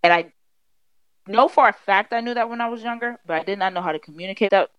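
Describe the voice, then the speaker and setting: A woman's voice: medium pitch, fast talker, fairly bright tone, clean tone, dry recording, highs cut off. A woman in her twenties, the host's daughter, speaking bluntly and outspokenly in a casual interview. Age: 20s.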